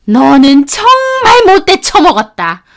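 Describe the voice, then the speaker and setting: A woman voicing a nagging, sharp-tongued older mother-in-law who scolds with contempt. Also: high-pitched, huge pitch swings, takes it slowly, heavily acted. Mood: scolding.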